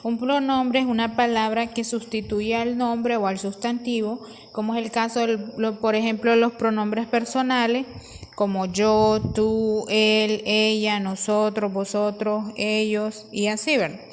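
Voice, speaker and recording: A woman's voice: fairly high pitch, flat delivery, unhurried, a little hiss or hum. A woman teacher explaining a grammar lesson patiently, reading from the textbook and restarting phrases as she goes.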